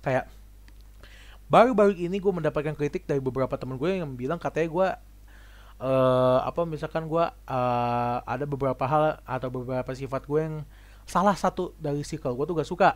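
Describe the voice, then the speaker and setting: A man's voice: on the high side, a little fast. Slangy young man rambling to camera. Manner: rambling, slangy, acts out quoted people; repeats and restarts words a lot. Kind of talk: casual monologue vlog.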